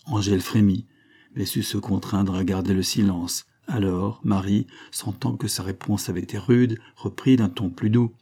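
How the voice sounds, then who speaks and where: Low, husky male narrator. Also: steady tone, normal speed, mellow. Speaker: audiobook reader. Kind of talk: scripted narration of a novel.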